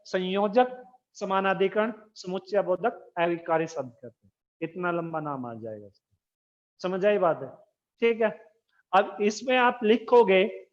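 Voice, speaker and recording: Slow, high-voiced male teacher dictating. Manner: asks questions to the class. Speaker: school teacher. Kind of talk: recorded Hindi grammar lesson. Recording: dull lo-fi recording.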